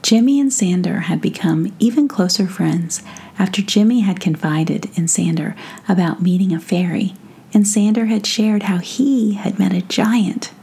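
A woman reading a bedtime story aloud with soft, half-whispered narration. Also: medium pitch, moderate pace, vocal fry, husky.

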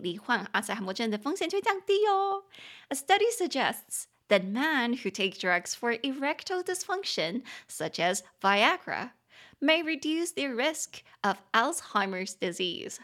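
A young woman hosting a bilingual podcast English lesson, who reads phrases slowly, spells words letter by letter, and giggles when a word embarrasses her. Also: fairly high pitch, a bit bright. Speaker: podcast host and English teacher.

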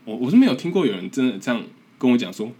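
A man's voice: medium pitch, big pitch swings, racing, warm tone, husky. A man in his twenties from Taiwan with a Taiwanese Mandarin accent, hosting a casual podcast monologue in an earnest, encouraging, self-deprecating way. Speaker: podcast host.

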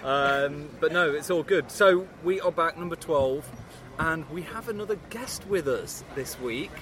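A man's voice: fairly high pitch, measured pace, fairly bright tone. A man hosting a podcast in casual conversation. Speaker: podcast host. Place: outdoors in a city in sunshine. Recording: outdoor city recording with traffic noise.

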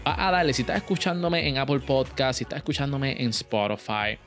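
A man's voice: medium pitch, lively intonation, a little fast, a bit bright, soft background music. A man hosting his own business podcast, talking straight to the listener with a pushy, motivational push and English words mixed in. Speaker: podcast host. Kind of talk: energetic motivational podcast talk.

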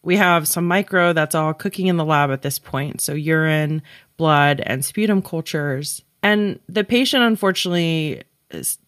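A podcast host calmly presenting a medical case in a measured, clinical way. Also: medium pitch, no room sound, clean studio sound.

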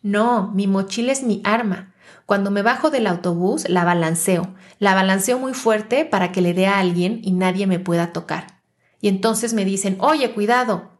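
A woman's voice: mid-range voice, normal speed, lightly acted. A woman reading as a blunt young foster girl. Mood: defiant. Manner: blunt, curt replies.

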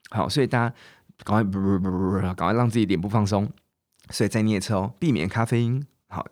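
A man hosting a podcast English lesson, chatty and casual, drilling words slowly and often asking "OK?". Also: lowish voice, a little mellow, no echo, clean studio sound. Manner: casual, chatty teaching in Mandarin mixed with English. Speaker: English teacher and podcast host.

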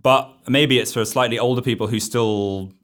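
A man, a podcast guest, explaining ideas at length in a steady, conversational way. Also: mid-range voice, moderate pace. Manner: steady, explanatory, uneven pace.

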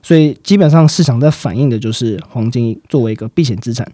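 A man lays out market analysis at a brisk clip, his voice dark and a little husky. He explains step by step, with frequent fillers and trailing particles. The sound is dry and close to the mic. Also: mid-range voice, no echo. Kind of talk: financial commentary chat.

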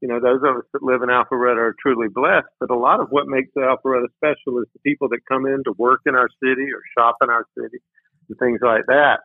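A man's voice: mid-range voice, steady tone, fast, no echo. A man who is a city mayor, calling in to a radio show over phone call audio and chatting in an easygoing, upbeat way. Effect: tinny phone call audio. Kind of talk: casual radio chat. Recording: dry tinny phone line.

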